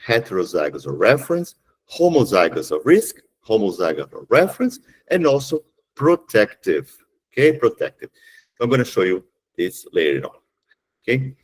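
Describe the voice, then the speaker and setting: A middle-aged male geneticist teaching a webinar in a fairly low voice that swings widely in pitch. He explains patiently, step by step, and keeps checking that listeners follow with a quick "okay?". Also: slightly rough, poor audio. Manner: counts aloud with the audience. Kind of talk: webinar lecture.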